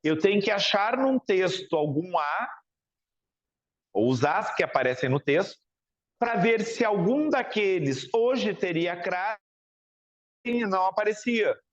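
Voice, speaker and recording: An animated, high-pitched man from Porto Alegre lectures unhurriedly in southern Brazilian Portuguese, pausing often in a muffled recording. He chats with the class, asks them questions, and ends phrases with tag questions.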